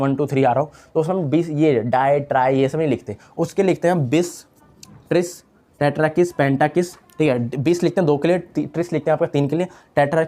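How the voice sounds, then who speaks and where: In an online lecture, a young man teaches chemistry in a relaxed style, going back over key terms and answering his own questions. His voice is fairly high in pitch with a darkish tone.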